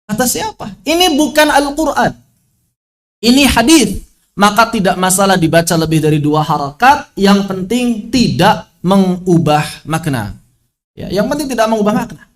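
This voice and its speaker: High-voiced man teaching over a video call. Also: expressive, normal speed. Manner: repeats key phrases, mixes formal and casual speech. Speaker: religious teacher. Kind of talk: online lesson on Quran recitation.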